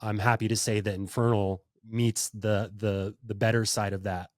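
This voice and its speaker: A man's voice: lowish voice, little pitch movement, moderate pace, dry recording, studio quality. A man hosting a podcast interview in a casual, rambling way, full of fillers and restarts. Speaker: podcast host.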